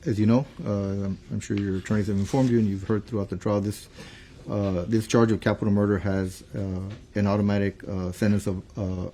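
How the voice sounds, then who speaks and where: A man serving as a judge in a courtroom recording, reading a verdict and running proceedings with halting speech full of fillers. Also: lowish voice, warm tone, a little hiss or hum. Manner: halting, many fillers and restarts. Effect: courtroom recording played back.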